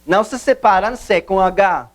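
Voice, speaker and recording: A man giving a video language lesson, explaining slowly, repeating himself, and stressing key points. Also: high voice. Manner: slow, repetitive, emphatic teacher's explanations. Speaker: Portuguese teacher.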